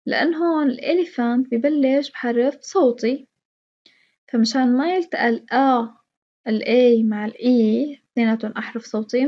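A woman's voice: a little high, dull audio. A woman with a Levantine Arabic accent teaching an English lesson. She explains step by step, repeats English words with their Arabic meanings and praises her students.

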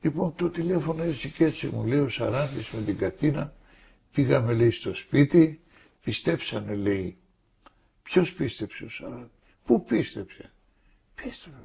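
A man's voice: mid-range voice, lively intonation, gravelly, mellow, breathy edge. An older man giving a faith testimony, telling his story with energy and acting out the voices of the people in it. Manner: acts out quoted dialogue with shifting voices.

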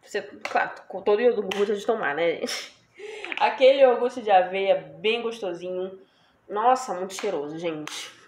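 There's slight background noise as a young woman with a medium-pitched voice chats at a moderate pace about what she bought. She's a beauty vlogger doing a casual product haul, seeking her viewers' agreement every few lines.

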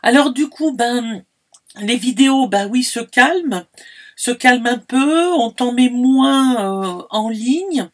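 A fairly high-voiced middle-aged woman from France chats casually to camera from inside her camper van. She rambles along with plenty of fillers and restarts. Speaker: vlogger.

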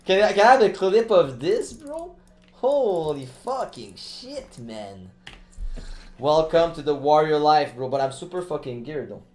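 A woman streaming a game, commenting live with loud excited bursts, frequent laughter and profane slangy chatter. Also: sits low, a little slow. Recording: roomy echo with faint keyboard typing.

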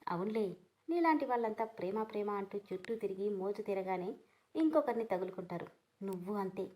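A woman voicing a proud, quick-tempered young mother in a read-aloud story, speaking sharply and indignantly. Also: medium pitch, lively intonation, mellow, close to an everyday voice, low-quality recording. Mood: bitter.

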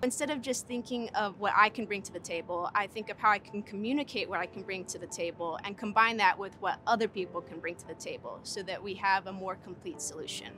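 A woman's voice: medium pitch, fast talker, hardly any pauses, pushed and bright, soft background music. A young woman who is a graduate student speaking in a composed, analytical interview testimonial. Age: young adult.

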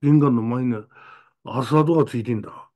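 A man's voice: mid-range voice, normal speed, darkish tone, natural voice. A man doing a rustic Aomori-dialect boy. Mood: earnest. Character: rural boy transfer student, plain-spoken.

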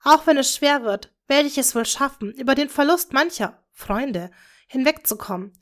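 A young, earnest witch speaks eagerly to her family, voiced by a woman reading aloud. The voice is a little brighter and higher than the narration, sincere and devoted. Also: lively intonation, moderate pace.

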